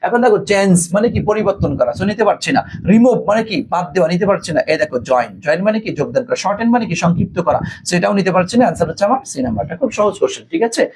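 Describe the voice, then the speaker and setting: A man's voice: sits high, lively intonation, rapid-fire, few pauses, noisy background. A man teaching English grammar in an online class, repeating phrases and often checking whether the students follow. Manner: repeats phrases, keeps asking students to confirm.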